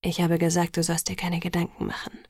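A woman voicing a calm, tender young man in an audiobook, speaking in a hushed, gentle half-whisper. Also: lowish voice, quick pace, no room sound, studio quality, pitched below the performer's own voice. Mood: reassuring. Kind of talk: audiobook character voice.

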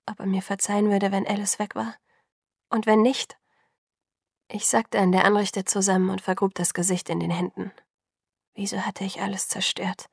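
Gravelly-voiced woman reading a novel. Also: medium pitch, dry recording, studio quality. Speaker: audiobook narrator. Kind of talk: scripted first-person novel narration.

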